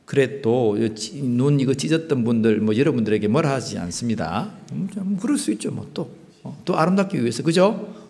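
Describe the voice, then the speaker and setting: A man's voice: medium pitch, lively intonation, brisk, creaky, darkish tone. A male pastor with a Gyeongsang Korean accent, delivering a sermon and asking the congregation rhetorical questions.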